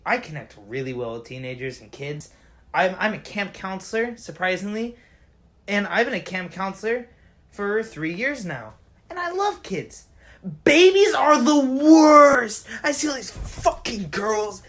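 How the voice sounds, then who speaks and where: A young man delivering a profane, deliberately dark comedic rant to camera, exaggerated and complaining. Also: high voice, a little hiss or hum. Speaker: vlogger.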